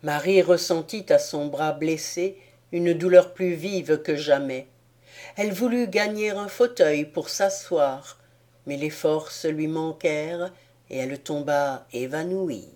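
A woman reading an audiobook tale in a measured storytelling manner. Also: low-pitched, darkish tone. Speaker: audiobook reader. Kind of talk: scripted narration.

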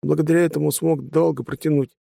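A man's voice: fairly high pitch, fairly even intonation, fast, creaky, dark tone, no echo, clean studio sound, pitched above the performer's own voice. A man reading an audiobook, voicing a tired, pragmatic mercenary bandit who grumbles as he gives in. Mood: resigned.

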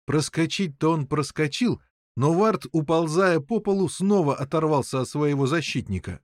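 Expressive male audiobook narrator. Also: fairly high pitch, moderate pace, dry recording, studio quality. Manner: expressive storytelling. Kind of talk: scripted narration.

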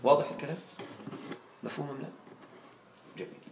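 A male teacher giving a classroom grammar lesson, regularly checking understanding with quick questions to his students. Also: medium pitch, steady tone, vocal fry, background noise. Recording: echoey room, far from mic.

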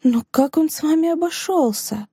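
A fiery young woman from a storybook, put on by a female audiobook narrator, sharp and bitter in her outbursts. Her voice sits well above the reader's usual pitch, with a mellow, dark tone and a dry, close sound. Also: animated, normal speed, no echo. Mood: bitter, indignant. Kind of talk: audiobook dialogue reading.

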